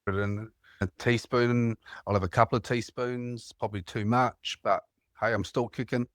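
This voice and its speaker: A New Zealand man calls in for a casual chat, telling rambling anecdotes punctuated by laughs in his New Zealand accent. His medium-pitched voice stays fairly even at a normal pace, recorded in studio quality with no echo.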